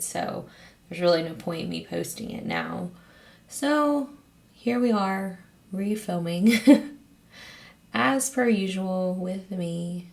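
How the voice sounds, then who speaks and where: Hosting her own get-ready-with-me vlog at home, a beauty vlogger chats casually and rambles with frequent ums. Her voice is hoarse, raspy and on the lower side.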